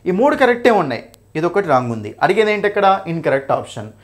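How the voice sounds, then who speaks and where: In this exam revision lesson on English grammar, a young Telugu-accented man speaks in a high, sing-song voice. He addresses his students as "nanna", checks in constantly with "okay?" and "right?", explains each answer choice thoroughly, and reads example sentences slowly.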